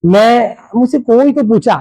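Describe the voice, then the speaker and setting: A pastor with a strikingly high-pitched voice delivers a fervent sermon to his congregation. His sound is dry and close, with little room echo. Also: measured pace, mellow. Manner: fervent, talks directly to the congregation. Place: church.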